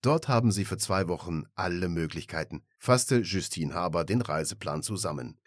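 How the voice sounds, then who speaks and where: Low-voiced male audiobook narrator. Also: no room sound, clean studio sound. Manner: even, measured storytelling.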